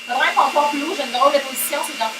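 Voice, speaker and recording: In her home kitchen, a woman with a Québécois French accent hosts a playful, jokey cooking vlog, slipping in English words and singing little chants. Her high voice races, picked up by a distant mic. The kitchen echoes, with an electric hand mixer whirring loudly.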